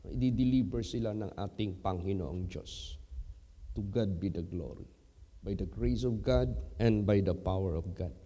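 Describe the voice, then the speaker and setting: A man with a Filipino accent preaching a sermon as pastor, slow and emphatic, mixing English and Filipino, with sudden loud high-pitched rises on key words. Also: long reverb tail.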